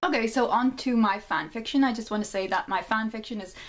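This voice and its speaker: A young woman from North East England with a Geordie accent chats casually on her vlog, then reads her own short story aloud. Her voice is fairly high and a little fast, and she laughs at herself now and then.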